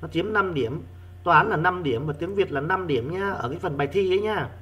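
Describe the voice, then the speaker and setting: A male primary school teacher giving an online reading lesson, repeating key words slowly for his pupils. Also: sits high, expressive, a bit bright, lo-fi sound.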